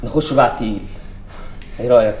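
A man's voice: mid-range voice, very fast, darkish tone, a little hiss or hum, close to an everyday voice. An actor playing a cocky young man who taunts and mocks a captive officer, speaking with an Egyptian accent in a sarcastic, mock-soothing way. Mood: taunting. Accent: Egyptian Arabic. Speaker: taunting captor.

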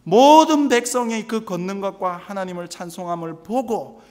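A man from Busan with a Gyeongsang accent, preaching a sermon as pastor, telling humorous stories with animated mimicry. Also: high voice, normal speed. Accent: Gyeongsang Korean. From Busan, South Korea. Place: large church sanctuary. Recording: long church reverb.

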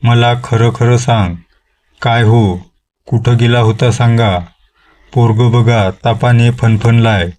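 A man's voice: mid-range voice, little pitch movement, slow, a little mellow, lightly acted. A man voicing a worried village mother who fires off anxious questions, in a horror story reading. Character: worried village mother fussing over her son.

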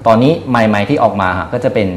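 A man in his thirties answering interview questions as a company guest, hesitant, often pausing and repeating words. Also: fairly low pitch, echoey room, slight background noise. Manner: hesitant, frequent filler pauses and repeated words. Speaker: company executive being interviewed. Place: small indoor showroom office. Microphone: lapel mic.

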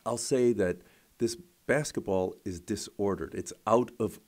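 A man's voice: lowish voice, unhurried, a little mellow. A man hosting a live radio show, explaining ideas with everyday examples and checking in with "right?" as he goes. He speaks from a radio studio. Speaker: radio host.

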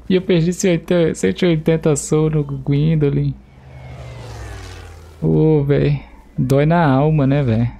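A man's voice: fairly high pitch, gravelly, mellow. A young Brazilian man with a Brazilian Portuguese accent, joking and swearing casually as he streams gameplay and talks to teammates. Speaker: gaming streamer. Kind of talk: casual live gameplay commentary. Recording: faint game noise behind.

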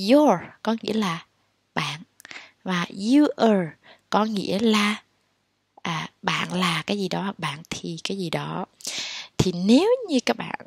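A woman from Vietnam teaching English in a casual online lesson, explaining in Vietnamese and reading English phrases slowly. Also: medium pitch, gravelly, husky, no echo.

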